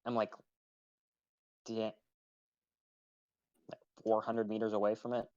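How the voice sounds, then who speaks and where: A man on a muffled, lo-fi voice chat, chatting casually while he plays. He hesitates a lot, restarting his sentences as he works out what to say. His voice sits at a middle pitch and sounds dry and close. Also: little pitch movement, takes it slowly, darkish tone, dry recording. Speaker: fellow player.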